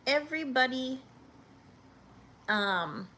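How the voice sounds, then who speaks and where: A woman in her fifties hosting a livestream, talking earnestly and haltingly, with many restarts, as she answers viewers' comments. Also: sits high, animated, pushed and bright. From Canada. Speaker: livestream host.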